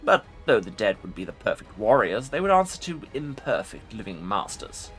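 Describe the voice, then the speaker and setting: A man performs an ancient undead lich from a fantasy game, pompous and scornful. The delivery is forceful and swings widely in pitch as he issues haughty, formal pronouncements, with music underneath. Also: big pitch swings, normal speed. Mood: grandiose. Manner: pompous, imperious formal speech. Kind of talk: dramatic video game role-play reading.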